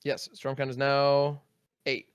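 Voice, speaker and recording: Smooth, methodical card-game man. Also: medium pitch, completely flat delivery, takes it slowly, dry recording. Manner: methodical, counts aloud, sound-effect interjections. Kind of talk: casual play-by-play of his own turn.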